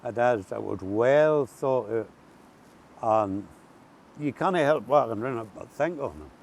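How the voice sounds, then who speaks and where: Older man, rural Ulster accent, mid-pitched voice, casual storytelling, outdoor recording, faint background noise. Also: expressive, measured pace, vocal fry, darkish tone. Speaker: interview guest.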